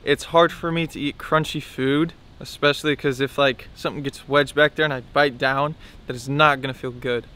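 A man's voice: mid-range voice, steady tone, normal speed, hardly any pauses, pushed and bright, smooth. A young man chatting casually to camera as a vlogger, his pronunciation slightly numb after dental surgery. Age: young adult. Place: outdoors by a sidewalk with palm trees. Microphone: camera at arm's length.

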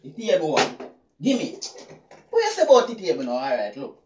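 A young man with a Jamaican accent, bantering casually and excitably during a game challenge, picked up by a distant camera mic. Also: fairly high pitch, brisk. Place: small bare room indoors. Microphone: camera a few metres away. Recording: echoey room, distant mic, loud noise and clicks.

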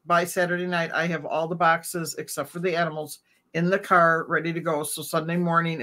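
A middle-aged woman on a video call from home, calmly explaining her routine step by step as an interview guest. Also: fairly low pitch. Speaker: reptile vendor guest. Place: home room. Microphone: webcam on a video call.

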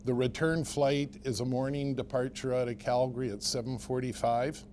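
A man, giving measured, halting interview answers as a company spokesman. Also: mid-range voice, fairly even intonation, darkish tone, a little hiss or hum. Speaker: airline spokesman. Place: indoor press room.

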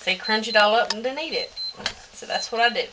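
A woman chatting casually and teasing softly in a home kitchen, heard off-mic. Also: on the high side, brisk, recorded from a distance, very noisy. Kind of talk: casual chat.

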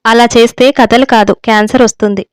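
A woman's voice: fairly high pitch, steady tone, a little fast, clear, resonant tone, no room sound, studio quality, natural voice. A woman reading a story aloud, voicing a practical young wife who teases her husband with mild irritation. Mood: teasing. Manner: teasing, irritated. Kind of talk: audiobook storytelling.

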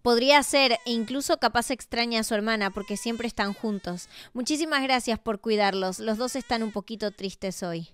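A woman's voice: fairly high pitch, moderate pace, few pauses, fairly bright tone, smooth. A woman with an Argentine accent narrating a game role-play and speaking in a tender, soothing, motherly way. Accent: Argentine Spanish.

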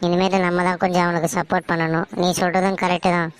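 A woman's voice: on the low side, level tone, fast, a little hiss or hum, natural voice. A woman voicing a blunt, commanding older mother-in-law in a cartoon story, with a Tamil Nadu accent. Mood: resolute.

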